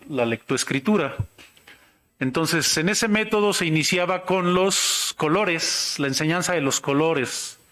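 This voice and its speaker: A man giving an academic conference talk, measured and explanatory. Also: on the high side, a bit bright. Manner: measured, explanatory, tells anecdotes. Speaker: lecturer.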